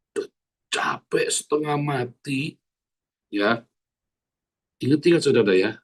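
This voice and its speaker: A male pastor, preaching in an animated, earthy way and calling out to the congregation. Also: mid-range voice. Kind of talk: sermon.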